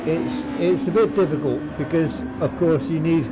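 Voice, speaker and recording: A man's voice: on the high side, normal speed. A man giving casual live commentary on an online car race, hesitant and rambling, often repeating his phrases. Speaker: commentator of an online sim racing league. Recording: loud engine and car noise. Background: racing car noise.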